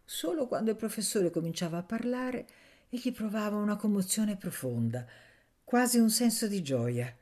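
A woman reading a classic novel aloud for radio in a measured, expressive way. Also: medium pitch. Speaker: audiobook reader.

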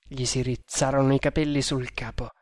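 A man's voice: mid-range voice, little pitch movement, darkish tone, no room sound, clean studio sound. Male narrator reading an adventure novel. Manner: measured, dramatic reading. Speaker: audiobook narrator. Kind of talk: scripted audiobook narration.

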